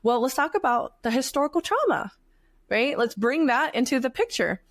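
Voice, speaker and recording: A woman's voice: sits high, sing-song, moderate pace, no room sound. A woman from North Carolina, a podcast guest, speaking in an earnest, reflective way with frequent fillers like "like" and "you know.". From North Carolina, USA. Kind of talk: casual conversational interview.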